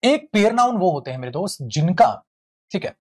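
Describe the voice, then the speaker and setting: A man teaching English grammar in a lively, joking classroom lecture, calling his students friends and brothers. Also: high voice, a little fast.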